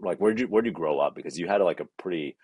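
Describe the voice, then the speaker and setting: Podcast host on a video call: very low husky male voice, dry and close, laid-back interviewer. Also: rapid-fire, dry recording. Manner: relaxed, filler-heavy questions. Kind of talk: casual interview chat.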